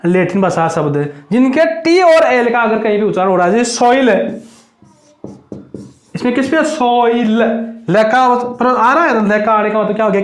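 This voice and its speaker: A man teaching an exam-prep lesson, drilling students with repeated questions that rise and answers that drop low. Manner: asks high and answers low. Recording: echoey room.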